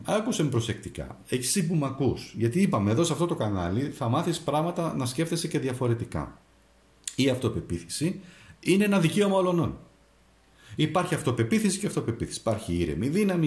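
A man's voice: on the high side, big pitch swings, darkish tone. A man giving a tarot reading to camera, addressing the viewer directly with advice. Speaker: tarot reader and astrologer. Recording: echoey room.

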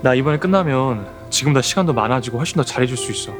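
A man's voice: medium pitch, expressive, racing, music in the background, close to an everyday voice. A man playing a pleading young athlete boyfriend. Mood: defensive, pleading. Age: young adult. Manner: defensive, pleading, exasperated. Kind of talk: web drama acting.

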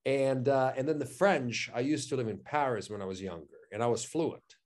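On a video call from his living room indoors, a male actor from Switzerland, a native German speaker, chats eagerly as an interview guest. He speaks briskly at medium pitch over a webcam, repeating himself and filling gaps with "you know" and "I mean."

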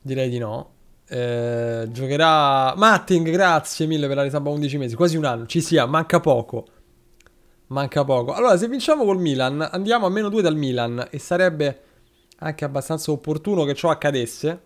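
A man's voice: fairly high pitch, normal speed. A man commenting live on a football manager game, chatting with viewers, thanking subscribers and talking to his players. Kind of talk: live gameplay commentary with chat shout-outs.

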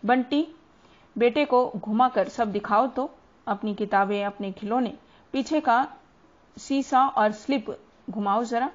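A woman's voice: on the high side, slow. A woman voicing a cheerful, coaxing middle-aged male doctor. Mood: jovial. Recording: dull lo-fi recording.

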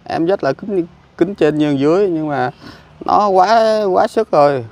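Gravelly man in his 40s. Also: a little high, animated, a little slow, darkish tone. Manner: emphatic and indignant, repeats himself. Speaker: interviewee, relative of the deceased. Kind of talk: casual conversational interview. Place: outdoors at a rural cemetery.

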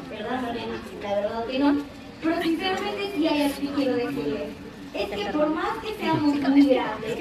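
A young actress with a high voice and a light Argentine Spanish accent addresses fans from an auditorium stage, earnest and encouraging as she speaks directly to the crowd. Her handheld mic was captured on a phone in the audience, so the audio is distant and echoey, with crowd ambience around it.

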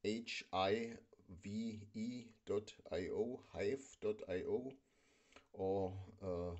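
A man hosting a casual product demo at home, talking with many pauses and fillers. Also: on the low side, a little mellow, dull audio. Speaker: video host. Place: indoors at a home stove.

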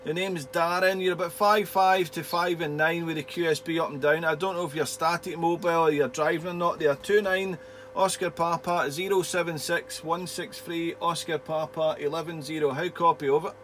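Male radio operator, friendly and chatty with radio procedure talk, slightly high pitch, light static hum. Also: fairly even intonation, moderate pace, fairly bright tone. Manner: friendly, chatty, uses call signs and radio jargon. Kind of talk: casual two-way radio contact chat. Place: indoor home radio shack.

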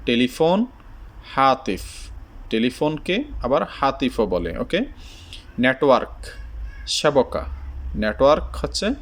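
Guy from bangladesh teaching words real slow, says each one twice, keeps asking if you got it. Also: mid-range voice. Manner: checks in with the viewer, "ঠিক আছে?". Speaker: language teacher. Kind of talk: vocabulary lesson.

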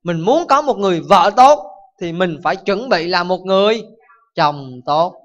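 A Buddhist monk giving a dharma talk, full of animated stories and rhetorical questions to his listeners. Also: sits high, moderate pace. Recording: dull lo-fi recording.

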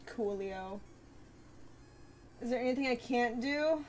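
A woman's voice: on the high side, takes it slowly, a little mellow, a little hiss or hum. Bubbly streamer woman chatting with viewers. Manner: bubbly, swears freely, laughs often. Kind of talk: casual live-stream chat, reading viewer comments.

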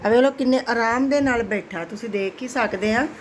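Doting woman coaxing her pet, high voice. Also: a little fast, a little hiss or hum. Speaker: vlogger. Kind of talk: casual home vlog talking to her pet.

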